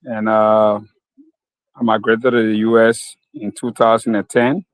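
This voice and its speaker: A man from Liberia with a Liberian English accent, answering interview questions slowly and carefully, with many fillers. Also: on the low side, flat delivery, no room sound, low-quality recording. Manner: slow, measured, with many fillers. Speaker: guest, company founder.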